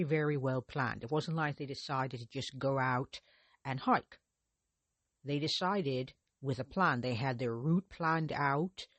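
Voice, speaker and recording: This podcast host narrates a mystery conversationally, often hesitating and starting over. His voice sits on the high side with no room sound, and he is not a native Russian speaker.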